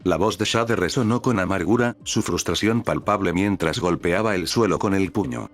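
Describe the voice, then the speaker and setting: Deep-voiced man narrating a story. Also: moderate pace, soft background music. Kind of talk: scripted fan fiction narration.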